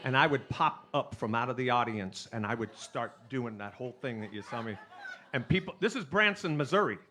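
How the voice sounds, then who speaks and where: A middle-aged man from California telling jokey stories to a live audience on stage, chatty and animated, with restarts. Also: mid-range voice, fairly quick, music in the background. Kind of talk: stage storytelling with jokes.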